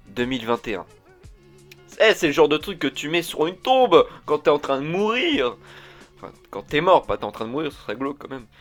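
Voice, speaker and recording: Excitable young man rambling. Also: on the high side. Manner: rambling, excitable, swears often. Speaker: YouTuber. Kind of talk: unscripted casual vlog talk.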